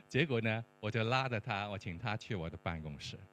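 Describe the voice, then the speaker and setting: A man's voice: fairly low pitch, huge pitch swings, a little slow, fairly bright tone. A middle-aged man, a professor and church mentor, telling a testimony-style story and acting out the dialogue. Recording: faint mains hum.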